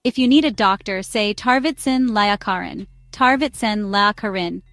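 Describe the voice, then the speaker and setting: Bright tutor woman, upbeat and clear, repeats phrases slowly. Dry close mic, faint music bed. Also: medium pitch, no echo. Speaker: language tutor. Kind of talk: scripted travel phrase lesson.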